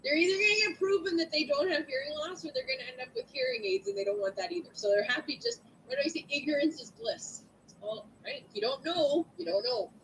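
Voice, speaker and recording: A woman lecturing a class in an animated way, acting out little scenes with clients. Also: extremely high pitch, fast talker, a little hiss or hum, poor audio. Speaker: instructor.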